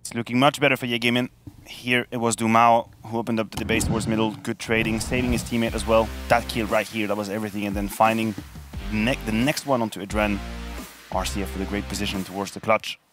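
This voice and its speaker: A man's voice: on the low side, little pitch movement, fast talker, music in the background. A man working as an esports caster, giving live commentary on a video game match. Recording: gunfire and game noise behind voice. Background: video game gunfire and clicks.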